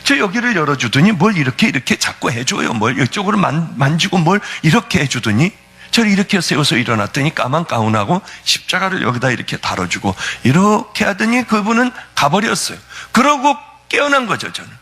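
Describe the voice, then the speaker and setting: Man, pastor, emotional testimony, bright, husky, animated. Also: brisk. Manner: fervent, tearful storytelling with sudden pitch swings.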